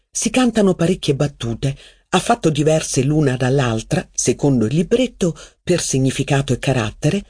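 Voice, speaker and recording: An audiobook narrator reading a classic novel in an even, measured way. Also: medium pitch, husky, no room sound, clean studio sound.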